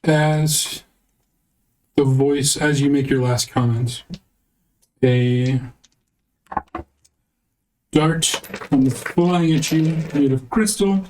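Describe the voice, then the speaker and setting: A woman game master with a very deep voice narrates and referees a tabletop session. She speaks slowly and deliberately. The mic is a little distant, with faint noise. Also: a little mellow.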